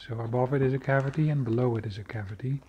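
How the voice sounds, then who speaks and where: A man narrating his own cave footage in an unscripted voice-over, slow and halting with many fillers and restarts. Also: mid-range voice, steady tone, a little mellow, lo-fi sound, slight background noise. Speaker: video creator exploring a cave.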